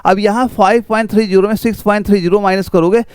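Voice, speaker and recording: Male math tutor for exam prep, high clear voice, dry close sound, talks each step through with rhetorical questions. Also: fairly even intonation, quick pace, a little mellow, no echo.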